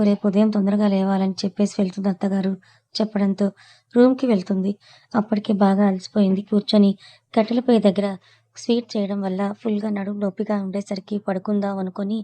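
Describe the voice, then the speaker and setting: A woman telling an audiobook serial in a steady storytelling manner. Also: medium pitch. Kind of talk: audiobook narration of a serial novel.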